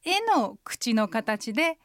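A woman hosting a radio language lesson, explaining phrases clearly and modelling pronunciation slowly. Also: fairly high pitch, lively intonation, dry recording, clean studio sound. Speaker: Chinese language teacher. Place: radio studio.

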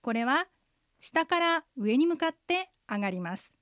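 A middle-aged woman co-hosting a radio language lesson, explaining in a clear, steady teacherly way. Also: high voice, moderate pace, no room sound, clean studio sound.

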